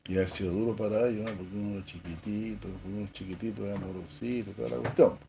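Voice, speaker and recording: A man, a spiritual teacher preaching a sermon, moving from soft asides to emphatic stressed words and clearing his throat often. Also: on the low side, fairly even intonation, fast talker, slight background noise.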